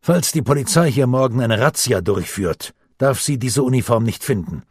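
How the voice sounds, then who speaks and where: A stern, commanding middle-aged uncle, read by a man in a husky voice, laying down hard truths to his nephew with rising force. The sound is close and dry. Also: medium pitch, lively intonation, moderate pace, darkish tone, no echo. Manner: firm, commanding, lecturing.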